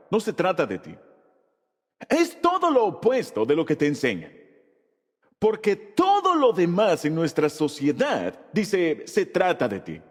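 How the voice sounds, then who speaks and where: A man preaching a sermon with a husky, slightly rough voice that sits fairly high. His delivery swings widely in pitch as he presses each point home. A long reverb trails behind his words. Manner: emphatic preaching delivery with rhetorical questions. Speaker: Spanish voice-over of a pastor's sermon.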